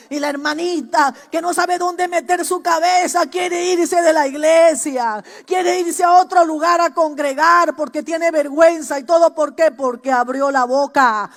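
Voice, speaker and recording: A woman gives a sermon testimony to young people, swinging from hushed storytelling to loud exhortation. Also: high-pitched. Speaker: preacher giving testimony. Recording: long hall reverb.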